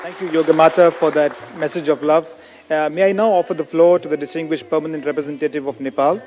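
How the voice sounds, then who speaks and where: A man's voice: a little high, steady tone, fast talker, a little mellow. A man moderating a formal event, making polite introductions with some fillers. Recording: hall reverb with faint crowd and noise.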